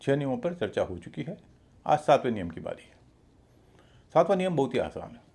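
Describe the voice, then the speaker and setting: A man's voice: medium pitch, big pitch swings, fairly quick, darkish tone, breathy edge. A man teaching English pronunciation in a lecture-style lesson, patiently explaining and spelling words out letter by letter.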